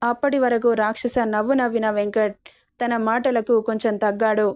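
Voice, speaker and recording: Woman storyteller, storybook narration, flat steady delivery, slightly high voice. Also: moderate pace, no echo, clean studio sound. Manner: steady, even reading.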